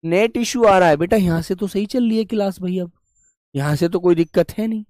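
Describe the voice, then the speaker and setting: A young man teaching a live online Hindi class, patient and deliberate, repeating each point and calling students his dear children. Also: high voice, a little mellow, dry recording, clean studio sound. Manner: slow and deliberate, breaks words into parts.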